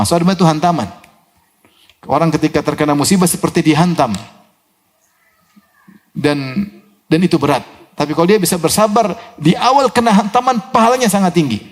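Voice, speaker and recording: Indonesian man preaching a lively sermon. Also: high voice. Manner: lively storytelling with acted quotes and chuckles.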